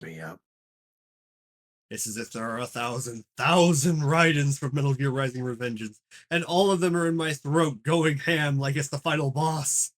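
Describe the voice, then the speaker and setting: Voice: mid-range voice, normal speed. A speaker bantering casually with comic exaggeration and reading aloud among friends.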